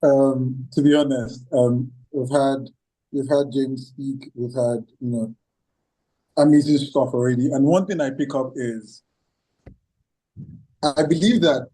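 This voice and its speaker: A man from Nigeria with a mellow, slightly husky voice joins a panel discussion over a video call. He speaks reflectively, often checking in with the listener as he builds his point. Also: mid-range voice, steady tone, a little slow, pauses often, low-quality recording. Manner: reflective, checking in with "you know" and "right?". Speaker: panel guest, strategy consultant.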